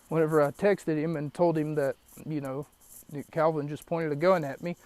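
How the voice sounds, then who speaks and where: A man's voice: a little high, fairly even intonation, moderate pace, darkish tone, no echo. A young man hosting a solo podcast from his parked car, rambling and shaken, catching his breath between fillers. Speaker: podcast host. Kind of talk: solo podcast, wrestling recap. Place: parked car in an empty lot.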